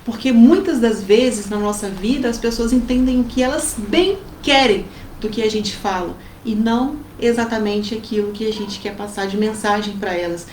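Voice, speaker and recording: A woman with a Brazilian accent, co-hosting a casual advice chat and telling family stories in a lively way. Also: a little high, moderate pace. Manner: lively storytelling with acted quotes. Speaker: co-host giving family advice. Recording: roomy with faint background noise.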